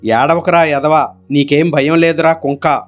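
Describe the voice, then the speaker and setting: A gang of rowdy ten-year-old village boys, yelling jeers and cries across a river in a storybook telling, as a male narrator puts them on. The voices sit a little higher and slower than his usual reading, drawn out for a shout, over a faint bed of music. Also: little pitch movement, clean tone, close to an everyday voice. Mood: teasing. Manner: shouting, teasing, then wailing. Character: crowd of boisterous village boys, about ten.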